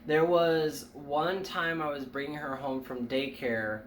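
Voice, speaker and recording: A man's voice: a little high, steady tone, a little slow. A young man, stuffy and nasal from allergies, chatting casually in a rambling way with lots of fillers and restarts. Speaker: vlogger. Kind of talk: casual chat. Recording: echoey room, faint ambient noise.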